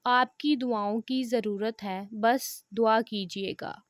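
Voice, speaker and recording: एक महिला की आवाज़ में बदले पर अड़ा एक दृढ़ नौजवान, धीमी और ठहरी हुई बोली में अपनी बात पक्के इरादे से रखता है। आवाज़ ऊँची है और माइक के बिल्कुल पास, सूखी रिकॉर्डिंग में है।. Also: female voice, fairly high pitch, fairly even intonation, slow pace, no echo, studio quality. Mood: resolute. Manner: firm, resolute speech. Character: determined young man bent on revenge. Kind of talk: audio novel reading.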